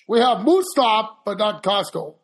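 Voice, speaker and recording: A man's voice: high-pitched, big pitch swings, measured pace, slightly rough, heavily acted. A man putting on a hokey Canadian hoser. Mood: joking. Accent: exaggerated Canadian. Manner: folksy, says "eh" and "bud". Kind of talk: comic bit on a podcast.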